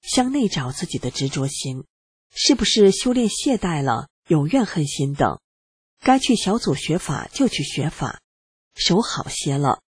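A reader calmly and earnestly narrating a personal account in the first person, with a husky voice. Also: medium pitch, unhurried, no room sound. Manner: calm, earnest reading.

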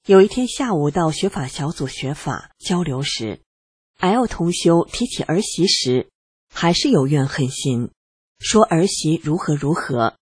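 A reader calmly and earnestly narrating a personal account in the first person, with a husky voice. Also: medium pitch, a little slow, dry recording. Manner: calm, earnest reading.

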